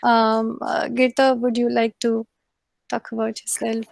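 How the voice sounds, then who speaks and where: A woman's voice: on the high side, little pitch movement, unhurried, vocal fry, darkish tone, dry recording, studio quality. A woman informally hosting a mentorship session over a video call.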